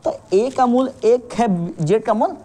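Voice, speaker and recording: A woman's voice: a little high, measured pace, warm tone. A woman teacher explaining a reasoning lesson, patiently checking over and over that her student understands. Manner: patient, keeps checking understanding with repeated questions; calls the student "babu", drills with call-and-response.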